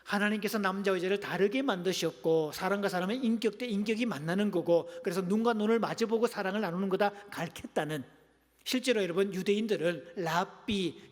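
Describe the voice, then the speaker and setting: High-voiced man preaching in a reverberant hall. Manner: humorous, engaging, calls on the congregation. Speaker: pastor. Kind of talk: sermon. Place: church sanctuary. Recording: long reverb of a church hall.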